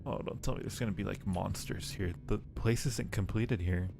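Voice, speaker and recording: A gravelly, lowish male voice speaks at normal speed amid background noise and game music. The man is live streaming a horror game, chatting playfully with his audience, muttering to himself, and reading on-screen text aloud.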